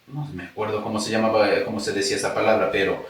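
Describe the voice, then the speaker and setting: A man from Ecuador with an Ecuadorian highland Spanish accent, a podcast guest telling his life story in a casual, animated way and acting out remembered dialogue. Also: fast. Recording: echoey room, distant mic.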